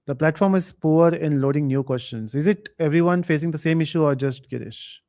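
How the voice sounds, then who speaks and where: A man runs a live quiz stream in a relaxed, chatty way. His voice sits a bit on the higher side, and he often pauses on fillers while he reads viewers' comments aloud. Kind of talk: casual live stream chat.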